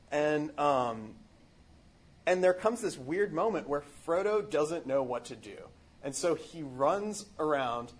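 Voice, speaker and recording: A man's voice: on the high side, slightly rough. A man giving a casual, earnest spiritual reflection on a book, rambling with many fillers and restarts.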